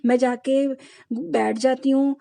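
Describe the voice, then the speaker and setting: A young woman tells her devotional story to the congregation in a high, mellow voice. Her pitch stays fairly even, never rising or falling much. She speaks earnestly and keeps turning to address her listeners directly. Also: takes it slowly, creaky. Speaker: devotee sharing a testimony. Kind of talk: personal devotional testimony.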